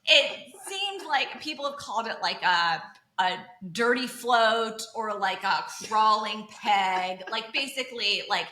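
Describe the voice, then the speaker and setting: Full of tangents and the word "like," a woman in her thirties hosts a podcast and breaks down money topics conversationally. She sounds animated, fairly high-pitched, bright and pushed, and a little slow, with reverberant audio.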